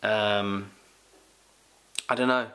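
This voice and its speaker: A young man with a London accent, casually answering Q&A questions in a jokey, animated way. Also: fairly low pitch, very slow. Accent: London English. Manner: animated, jokey, exclaims loudly. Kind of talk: casual Q&A chat.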